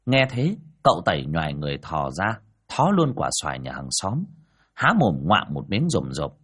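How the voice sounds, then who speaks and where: A man tells a spoken ghost story. His voice sits low and husky, and he swings it up and down for drama. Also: huge pitch swings, moderate pace, fairly bright tone. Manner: dramatic, rising and falling telling.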